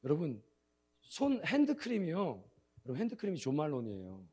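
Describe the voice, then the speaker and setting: Male missionary preacher in church; husky, very lively pitch, dramatic loud-soft storytelling. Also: a little fast. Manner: animated storytelling, swinging between quiet asides and loud outbursts. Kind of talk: sermon. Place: church sanctuary.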